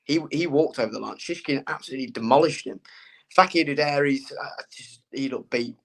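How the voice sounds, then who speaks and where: A man co-hosting a casual horse racing chat, excitable and animated as he gives his opinions. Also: mid-range voice, brisk. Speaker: co-host and racing tipster.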